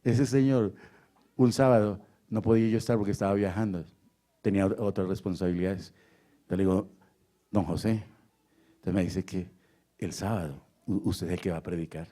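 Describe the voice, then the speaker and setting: A man preaching a sermon, telling stories and moving from hushed whispers to loud impassioned cries. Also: deep voice, fairly even intonation, moderate pace, pauses often. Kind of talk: sermon with storytelling.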